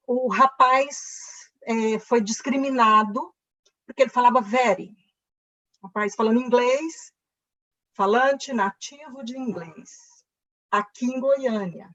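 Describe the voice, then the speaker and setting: A Brazilian woman professor makes her points in an emphatic, earnest lecturing manner, tagging her sentences with quick checks on the listener. Her voice sits a little high. The sound is slightly muffled, like audio streamed over a video call. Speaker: linguistics professor. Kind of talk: live online discussion.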